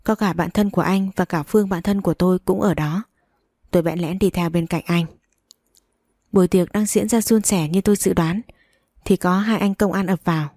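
Low mellow female storyteller. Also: fairly even intonation, moderate pace, dry recording, clean studio sound. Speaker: narrator. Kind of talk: first-person story reading.

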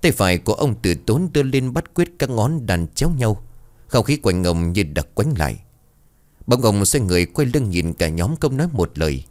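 Male horror narrator, low and expressive, dramatic storytelling. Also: moderate pace.

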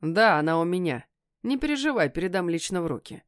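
A woman voicing a gruff, burly male kidnapper who talks in a mocking, curt way, read as a character in an audiobook. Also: on the low side, sing-song, a little fast, no room sound, studio quality.

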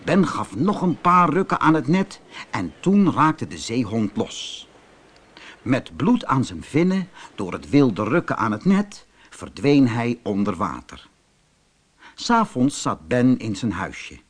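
A man from the Netherlands reading a fairy tale aloud in an expressive, measured storytelling manner. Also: mid-range voice, husky.

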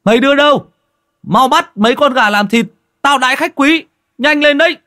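A man voicing a boisterous village man in his thirties, shouting and jolly, in a spoken ghost story. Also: a little high, big pitch swings, measured pace, no echo, studio quality, voice pushed up.

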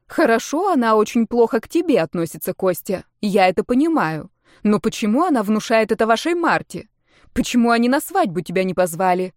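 A woman's voice: fairly high pitch, very animated, a little fast, dry recording, studio quality. A woman voicing a jealous, protective middle-aged wife who speaks in an indignant, pointed way.

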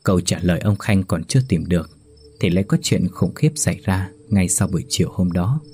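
A man narrating a horror story in a slow, grave storytelling manner. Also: low voice, mellow, slightly rough, soft background music.

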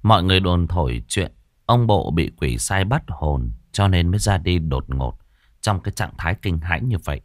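Male audiobook narrator, very low voice, lively melody, dry close sound, dramatic ghost story. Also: normal speed, no echo.

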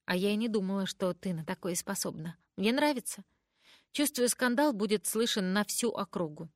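A woman's voice: medium pitch, moderate pace, no room sound, studio quality. A woman reading a first-person teen story aloud, raising her voice for the emotional dialogue.

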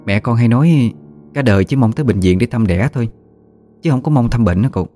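A man voicing a cheerful, admiring young woman, speaking gently and explaining. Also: mid-range voice, animated, brisk, faint music behind, voice pushed up, close to an everyday voice.

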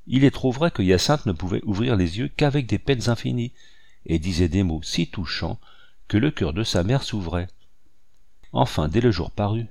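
Audiobook reader: man, low voice, measured and expressive, dry close recording. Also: vocal fry, no echo. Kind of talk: reading a classic novel aloud.

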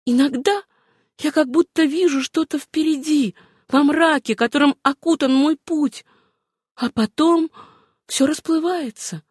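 A woman reading an audiobook voices a gentle, wistful young woman with a hard past, speaking softly. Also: high-pitched, a little slow, dry recording, studio quality, pitched above the performer's own voice.

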